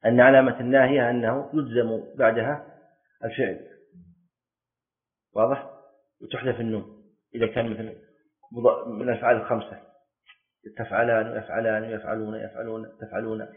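A man's voice: mid-range voice, level tone, fairly quick, long pauses. Man teaching, tinny recording. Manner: explains step by step and quizzes students; repeats key words for emphasis. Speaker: teacher of Islamic jurisprudence. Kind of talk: classroom lesson. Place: classroom with students.

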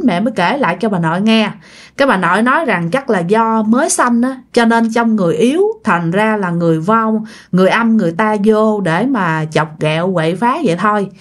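Woman, Southern Vietnamese accent, mid pitch, casual ghost-story narrator who chats with her audience. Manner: chatty, talks straight to listeners with drawn-out particles.

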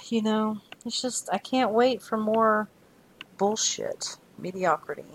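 A woman's voice: medium pitch, slow pace, fairly bright tone, rough recording. A woman co-hosting a podcast in casual chat, sarcastic and swearing freely. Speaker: podcast co-host.

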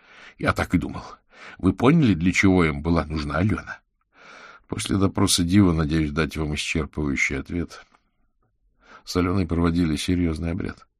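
A man voicing a calm weary sorcerer. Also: low-pitched, dry recording, clean studio sound. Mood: serious. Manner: calm, measured and reassuring. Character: calm, weary adult male sorcerer investigator.

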